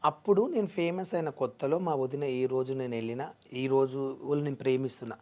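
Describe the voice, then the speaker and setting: A man's voice: medium pitch, a little fast, warm tone, lo-fi sound. A young man, talking earnestly and emphatically as an interview guest, mixing in English phrases. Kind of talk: emotional personal interview.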